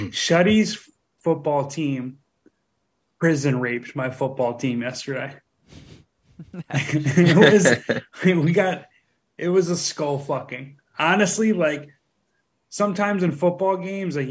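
A man's voice: fairly high pitch, poor audio. A man co-hosting a podcast in casual, crude banter, rambling and swearing with frequent laughs. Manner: rambling, profane, laughing often. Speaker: podcast co-host.

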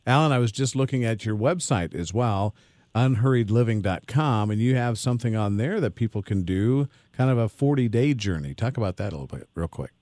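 A man's voice: mid-range voice, expressive, fairly quick, a little mellow, dry recording. A man hosting a radio interview, with a friendly, conversational manner. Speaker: host.

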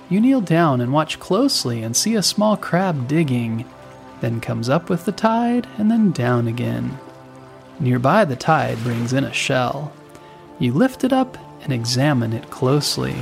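A man narrating a scripted guided relaxation in a soothing, unhurried way, with pauses between phrases. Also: mid-range voice, gravelly. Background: music bed.

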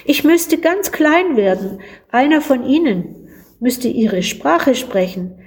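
A woman's voice: sits high, slow pace, voice pushed up. Woman voicing an eager young boy. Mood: excited. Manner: excited, pleading. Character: eager curious young boy, a lord's son. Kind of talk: storybook reading.

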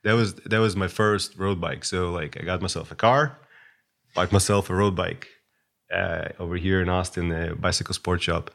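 A man's voice: low-pitched, fairly even intonation, moderate pace, creaky, a bit bright. A man, a guest chatting casually and hesitantly, with many fillers and restarts. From Russia. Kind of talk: casual interview chat.

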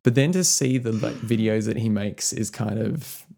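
A man's voice: lowish voice, normal speed, vocal fry, mellow. A man co-hosting a podcast, chatting casually about music, rambling with lots of fillers. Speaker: podcast co-host.

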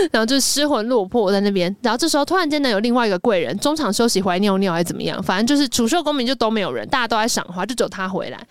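A woman's voice: on the high side, lively intonation, racing, hardly any pauses, clean tone, no echo, clean studio sound. A woman podcast co-host with a Taiwanese Mandarin accent, casually retelling a drama plot and acting out the characters' lines. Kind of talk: casual storytelling chat.

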